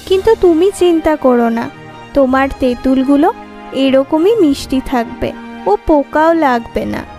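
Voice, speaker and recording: A motherly queen bee from a cartoon fairy tale, as a woman puts her on, gentle and reassuring. Her voice sits high and the delivery is slow and careful. Faint children's music plays behind. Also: animated.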